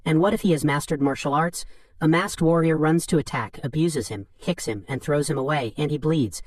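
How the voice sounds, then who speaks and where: A man with a somewhat high voice narrates a story recap, reading each beat in an even, flat third-person summary. The sound is dry and close, with no room around it. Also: brisk, no echo.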